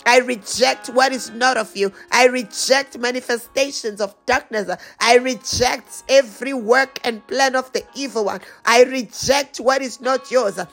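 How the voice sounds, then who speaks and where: A woman leading a fervent spoken prayer, slow and rhythmic, with repeated declarations and stretches of speaking in tongues. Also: on the high side, a bit bright, faint music behind. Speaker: prayer leader.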